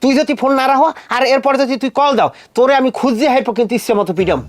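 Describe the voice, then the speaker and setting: A hot-tempered village husband. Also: male voice, extremely high pitch, animated, over music. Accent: rural Bangladeshi Bengali. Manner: blustering, quick to threaten. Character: short-tempered middle-aged village husband. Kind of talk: comedy drama acting.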